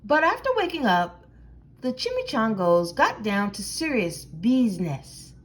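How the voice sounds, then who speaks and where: High, animated woman reading a storybook. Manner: theatrical, deliberate phrasing. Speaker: storybook reader. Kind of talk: expressive children's read-aloud narration.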